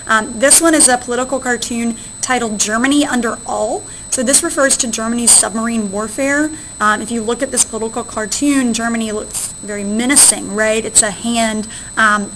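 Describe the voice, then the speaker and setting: A fairly high-pitched woman teacher talking a class through a history lesson. She explains patiently and keeps checking understanding with a quick "right?". Her delivery is conversational rather than scripted. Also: fairly bright tone, slight background noise, poor audio. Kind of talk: recorded classroom lecture.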